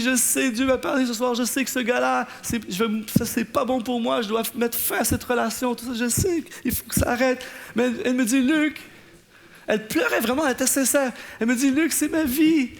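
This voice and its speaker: A man's voice: very high voice, a little fast, creaky. A man, a pastor preaching to a live audience and acting out the people in his anecdotes. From Canada. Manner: animated storytelling, acting out the people in his stories. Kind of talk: sermon. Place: church in front of an audience, laughter heard.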